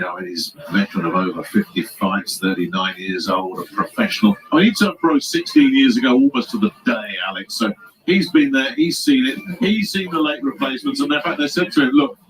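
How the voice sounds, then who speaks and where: A man's voice: fairly low pitch, lively intonation, brisk, fairly bright tone, low-quality recording. A man with a Birmingham English accent giving chatty, storytelling live boxing commentary.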